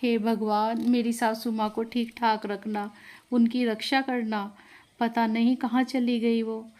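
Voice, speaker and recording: A woman's voice: on the high side, level tone, unhurried, a little mellow, lightly acted. A woman voicing a caring, anxious young daughter-in-law in a storybook tale, speaking earnestly.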